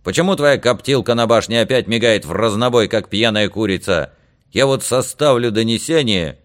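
Blustering coast guard chief read by the narrator, loud and bossy, audiobook. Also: male voice, lowish voice, normal speed, pitched above the performer's own voice, natural voice. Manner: blustering, barking orders.

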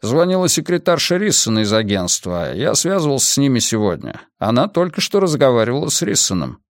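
A man voicing a calm, measured male police commissioner in an audiobook, explaining patiently. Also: medium pitch, dry recording, clean studio sound, voice pushed up. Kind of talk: audiobook character voice.

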